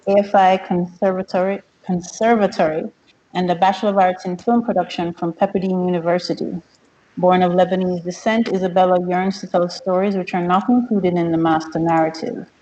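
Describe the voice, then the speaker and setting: A woman's voice: on the low side, a little fast, a little hiss or hum. Woman reading bios on a dull line. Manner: steady, careful reading. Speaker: meeting presenter. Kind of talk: reading film synopses and bios. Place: online meeting from home. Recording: dull lo-fi online meeting audio.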